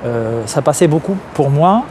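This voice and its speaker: A man's voice: fairly high pitch, animated, normal speed, noisy background. A man from Algeria answering interview questions openly, hesitating often with fillers and restarts. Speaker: interview guest, activist. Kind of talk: candid interview.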